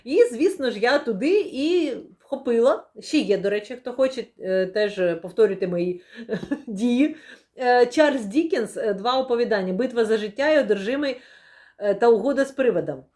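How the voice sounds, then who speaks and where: A young woman talks casually to the camera as she unboxes new books. Her voice sits a little high, and she rambles playfully, fills pauses with hesitations and laughs often. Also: animated, darkish tone. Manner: chatty, many fillers, laughs often, playful. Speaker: book vlogger. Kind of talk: casual book unboxing chat.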